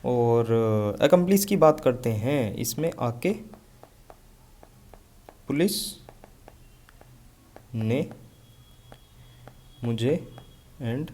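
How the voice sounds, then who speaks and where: Young guy teaching vocab, warm low-key tone, reads english definitions slow. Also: animated. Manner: mixes Hindi with slow, carefully read English definitions. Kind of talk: online lesson with memory tricks.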